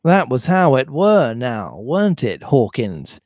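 A man's voice: medium pitch, sing-song, slow, darkish tone, no room sound, clean studio sound. A man voicing a jovial, wily old one-legged ship's cook with emphatic, rustic nautical speech in a storybook reading. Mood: hearty.

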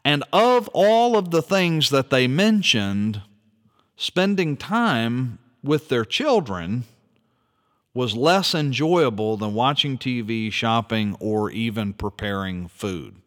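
A man's voice: mid-range voice, very animated, big-room sound. A man giving an earnest, reflective monologue, reading from an article and posing rhetorical questions. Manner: earnest, rhetorical questions, slow deliberate delivery. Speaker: speaker commenting on an article.

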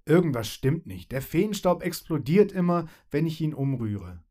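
A fretful little spring fairy from a storybook, put on by a man reading aloud. She sounds higher than a plain male reading voice. She talks in a glum, anxious way. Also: sing-song, normal speed, dark tone.

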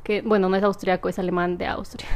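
A woman's voice: mid-range voice, flat delivery, a little fast, darkish tone. A young woman, chatting casually to camera, rambling and laughing often. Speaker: vlogger.

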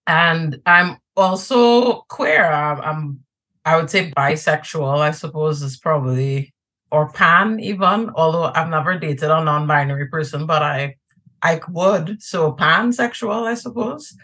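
A woman from Trinidad and Tobago, guesting on a podcast, talks in a low, bright voice with a forceful edge and an unhurried pace. The interview is casual, and she's chatty and easygoing, using lots of fillers and restarting often.

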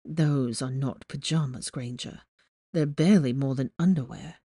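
A woman voicing a wounded young male wizard who speaks in a low, hoarse, tired murmur. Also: normal speed, mellow, no room sound, studio quality, heavily acted. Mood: tired teasing.

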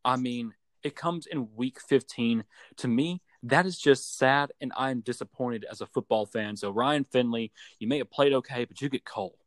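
Speaking at a moderate pace in a mid-range voice, a young co-host of a sports podcast teases and plays mock-serious while sharing his views. The casual chat runs over a phone voice call, with no room sound audible.

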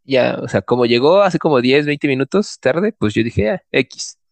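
A man's voice: medium pitch, expressive, moderate pace, vocal fry, dry recording. Young mexican guy rambling a story, lots of slang and "este", dry close sound. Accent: Mexican Spanish. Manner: slangy, loose, filler-heavy. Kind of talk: casual storytelling chat.

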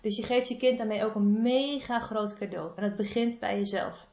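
A woman's voice: mid-range voice, fairly even intonation, moderate pace, darkish tone. A woman therapist giving casual, informal advice, often repeating her main points and addressing the listener affectionately. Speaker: body-energy therapist. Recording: roomy, slightly dull sound.

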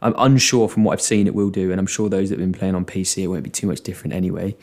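A young British man in casual chat, earnest and opinionated, explaining his views at a steady pace. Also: deep voice, rapid-fire.

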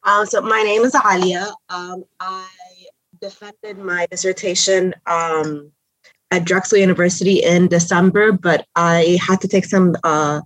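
A woman from Egypt speaking as a podcast guest, telling her story in a measured, matter-of-fact way. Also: on the low side, no echo, rough recording. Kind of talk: casual chat.

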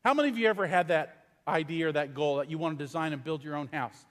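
High-voiced pastor preaching in a reverberant hall. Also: male voice, fast talker, a bit bright. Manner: conversational storytelling, asks the congregation questions. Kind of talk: sermon. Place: large church hall. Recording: long reverb in a large church hall.

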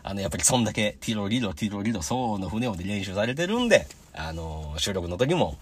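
A young man with a Kansai Japanese accent tells stories alone on a podcast, and his husky voice swings widely up and down. He talks quickly and keeps things chatty and animated. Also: lowish voice. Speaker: podcast host. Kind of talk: casual solo podcast storytelling.

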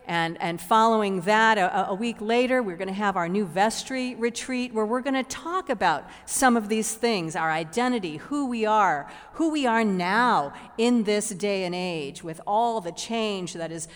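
Slow-speaking woman preaching in a church. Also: mid-range voice. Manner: unhurried, repeats words when restarting. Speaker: priest. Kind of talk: sermon. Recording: church with long reverb.

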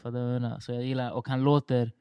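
A man from Stockholm hosting a casual podcast chat, laid-back and slangy, talking in quick bursts. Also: medium pitch, flat delivery, dark tone, clear, resonant tone, no echo, studio quality. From Rinkeby, Stockholm, Sweden.

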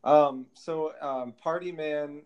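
A man's voice: fairly high pitch, steady tone, slow, lo-fi sound, a crowd in the background. A man co-hosting a podcast in casual chat, rambling through topics with many fillers. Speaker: podcast co-host.

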